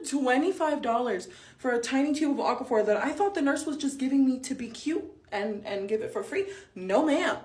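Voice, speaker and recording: A mother vents in a casual vlog, sarcastic and disbelieving. Her voice sits somewhat high. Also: expressive, fairly quick, hardly any pauses, a little mellow. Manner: incredulous, sarcastic, laughing.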